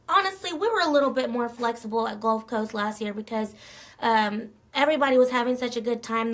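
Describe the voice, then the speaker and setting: A middle-aged woman promoter chats about running her events, her voice sitting a touch high. She is blunt, swears without pause and acts out both sides of the argument as she tells it. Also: fairly bright tone. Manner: blunt, swearing, tells stories with quoted dialogue. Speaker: festival promoter guest. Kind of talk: casual interview chat.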